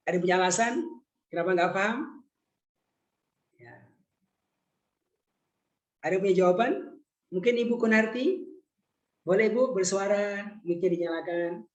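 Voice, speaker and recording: A man teaching a Quran lesson in an online webinar, putting questions to his listeners and slowing right down when he recites. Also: high voice, echoey room, muffled recording. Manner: questions the audience, slow drawn-out recitation. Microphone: video call.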